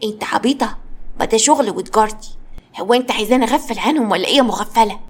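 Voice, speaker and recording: A woman voicing a gruff, scolding, forgetful old grandmother, with an Egyptian accent. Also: a little high, rapid-fire.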